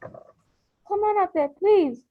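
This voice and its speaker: A woman's voice: very high voice, very slow, phone-quality sound, full character voice. A woman playing a naive, greedy, dim little boy in a comic school stage play. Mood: pleading. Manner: naive, pleading.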